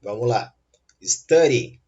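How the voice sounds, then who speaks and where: A husky, darkish mid-range male voice, animated in delivery, explains English grammar in a lesson. He takes it slow, patiently checking understanding with a rising "tá bom?", and the recording is dull and lo-fi.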